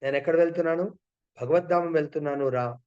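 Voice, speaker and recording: Man doing a wise sage, familiar, coaxing, raised pitch, muffled sound. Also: fast, a little mellow, clear, resonant tone, lightly acted. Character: wise sage man, wandering holy teacher.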